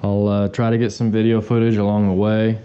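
A young man talking casually about his motorcycle, filling pauses with ums, recorded on an action camera. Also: lowish voice, highs cut off. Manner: relaxed, with frequent ums. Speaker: motorcycle vlogger. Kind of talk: casual vlog narration. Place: garage, then inside a truck on the road. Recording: camera mic with road and engine noise.

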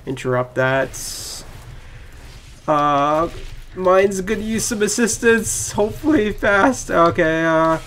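A young man talks through his own match as it happens, rambling and excitable. His voice sits a bit high for a man. Keyboard clicks rattle behind him as he plays. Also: slow pace, slight background noise. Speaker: gaming channel host. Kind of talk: live gameplay commentary. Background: keyboard typing.

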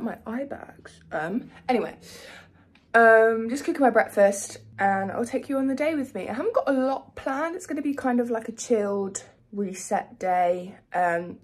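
With a mid-range voice, a twenty-something woman from the UK speaks British English as she vlogs her day as a personal trainer, rambling casually and poking fun at herself. A propped-up phone camera records her first in rooms at home, then at the gym.

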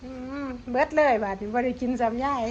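High-voiced Isan woman coaxing her pets. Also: brisk, muffled recording, a little hiss or hum. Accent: Isan Thai. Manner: sing-song coaxing talk to animals. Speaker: pet vlogger. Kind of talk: casual talk to pets.

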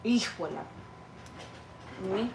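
Cooking in her home kitchen, a woman vlogger rambles affectionately to the viewer, chatty and full of "niña" and "hija linda." She speaks extremely slowly at medium pitch with lively intonation and vocal fry, and the roomy recording is very noisy.

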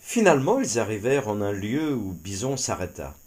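A man narrating a children's animal tale in an expressive storytelling style. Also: fairly low pitch, moderate pace.

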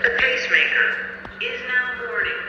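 High-voiced man announcing over a station loudspeaker. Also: animated, moderate pace. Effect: station public address over a loudspeaker. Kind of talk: formal boarding announcement. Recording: echoey muffled hall with noise.

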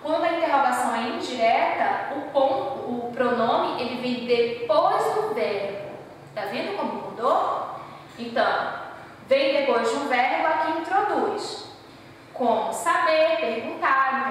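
A woman's voice: high-pitched, heavy reverb, big-room sound, distant mic, a little hiss or hum, poor audio. A woman with a Brazilian Portuguese accent teaching a grammar lesson to young students, explaining step by step and checking in with "né?" as she goes. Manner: explains step by step with frequent "né?" and "observe". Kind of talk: recorded grammar lesson for sixth graders.

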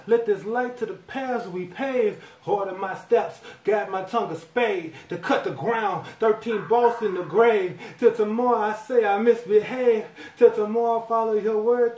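High-pitched guy rapping a one-take freestyle, far from the mic, roomy echo. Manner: rhythmic rapping with sudden shouted lines. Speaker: rapper. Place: small dim room at home. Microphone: far 360 camera. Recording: echoey room, voice far from the mic.

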